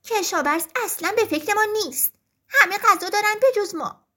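A woman's voice: very high-pitched, a bit bright, pitched above the performer's own voice. A woman voicing a flock of hungry, upset farmyard hens who complain shrilly in a children's story.

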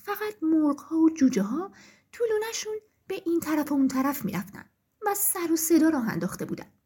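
A woman narrating a children's farm story in an expressive, sing-song reading style. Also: sits high.

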